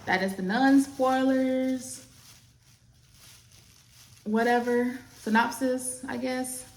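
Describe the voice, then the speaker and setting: A woman chatting casually while doing makeup, retelling a movie in a sassy, animated way. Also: high-pitched, takes it slowly, reverberant. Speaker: makeup artist.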